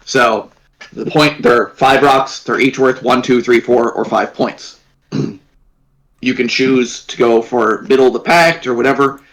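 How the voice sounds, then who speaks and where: Man, dungeon master, average pitch, halting, restarts often, casual game narration. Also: fairly even intonation, a bit bright, low-quality recording. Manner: rambling, halting, many restarts.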